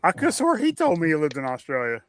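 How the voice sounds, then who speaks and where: A man's voice: fairly high pitch, wildly swooping pitch, quick pace, a bit bright. Chatty man hosting a livestream. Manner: friendly, chatty, laughs easily. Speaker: podcast host. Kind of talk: casual livestream chat. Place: home room during a storm.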